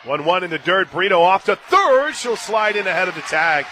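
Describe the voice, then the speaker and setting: With a high-pitched voice and big pitch swings, an American man calls live play-by-play on the radio from a stadium booth at normal speed. Faint music and the ballpark crowd play in the background.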